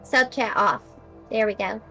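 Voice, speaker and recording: A woman co-hosting a casual live stream, excitable and profane, gushing over guests. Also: medium pitch, unhurried, faint music behind. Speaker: stream co-host.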